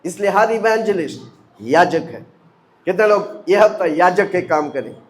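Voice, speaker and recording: A man's voice: high-pitched, lively intonation, moderate pace. A man pastor from India preaching a sermon, asking the congregation questions and leading call-and-response.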